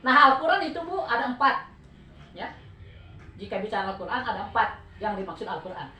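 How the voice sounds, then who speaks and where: A woman's voice: medium pitch, very animated, a little fast, bright, forceful tone. A woman with a Sundanese accent giving a Quran study talk to a group of women, explaining patiently and often asking her listeners for answers. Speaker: religious teacher. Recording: echoey room, voice heard from a distance.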